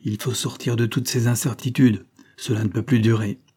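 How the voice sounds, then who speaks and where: A man voicing a tense, brusque police agent who speaks hard and urgent, raising his pitch above his narrating voice. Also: flat delivery, moderate pace, warm tone, husky, close to an everyday voice. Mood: brusque, intense.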